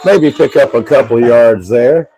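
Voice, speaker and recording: A man with a hoarse voice calling a high school football game for local radio in a folksy, easygoing way. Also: measured pace, mellow, muffled recording, faint music behind. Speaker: play-by-play announcer.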